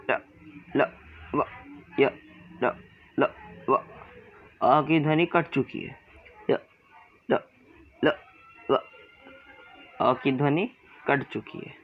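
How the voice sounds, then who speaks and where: Man teaching hindi grammar, drawls out sounds over and over, kinda gravelly, muffled recording. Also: fairly high pitch, slight background noise. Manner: repeats sounds slowly, asks and answers own questions. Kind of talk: classroom-style explanation.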